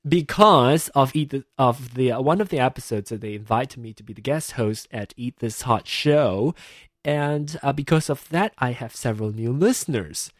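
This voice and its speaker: A man's voice: medium pitch, normal speed, no echo, clean studio sound. Chatty man from Malaysia hosting a podcast. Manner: chatty, giggly, rambling with many fillers. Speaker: podcast host. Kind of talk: casual solo podcast chat. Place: home room at a computer.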